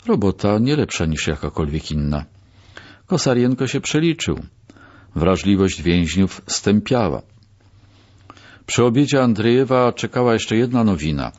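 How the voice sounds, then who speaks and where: A man narrating a literary audiobook in a measured, expressive way. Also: fairly low pitch, muffled recording.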